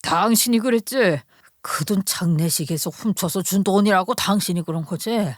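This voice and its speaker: A woman voicing an angry husband who yells and accuses in a shameless way. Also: medium pitch, normal speed, no room sound, clean studio sound, close to an everyday voice. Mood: furious. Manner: yelling, accusing.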